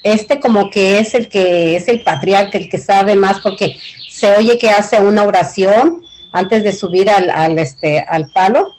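A mature woman with a Mexican accent presents her culture informally. Her pitch sits in the middle, and her phrasing is earnest, homely and meandering. A little noise sits behind her voice. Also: measured pace, a little mellow, low-quality recording. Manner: rambling, colloquial, earnest. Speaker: invited community leader.

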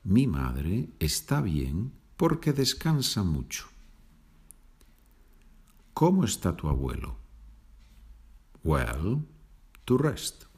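A man hosting a podcast lesson, patiently explaining Spanish phrases in English and repeating them slowly. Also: deep voice, wildly swooping pitch, darkish tone, breathy edge. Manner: slow, patient, explains with small laughs and repeats. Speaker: Spanish teacher, podcast host. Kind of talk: slow bilingual language lesson.

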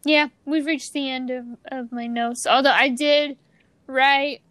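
A young Midwestern woman talks loosely on a casual podcast, wandering through her thoughts and swearing offhandedly. Her voice sits a little high, and the recording is dry and close with no room sound. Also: steady tone, unhurried, a bit bright, smooth, no room sound. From Missouri. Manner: rambling, chatty, casual swearing. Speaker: podcast co-host. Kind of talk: casual chat.

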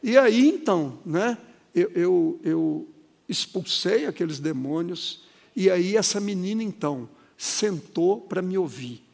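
Husky pastor with a lively voice. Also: male voice, high-pitched, a little slow, in a large hall. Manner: dramatic, swooping storytelling. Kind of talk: sermon with a personal story.

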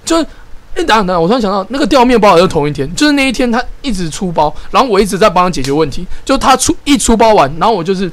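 A man, co-hosting a podcast and telling stories in casual chat, animated and exasperated, with frequent restarts. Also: high-pitched, rapid-fire. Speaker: podcast co-host.

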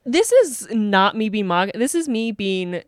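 A woman's voice: mid-range voice, very animated, measured pace, no room sound. Teasing woman podcast co-host, dry sound. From United States. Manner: teasing, laughing banter. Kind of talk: casual chat.

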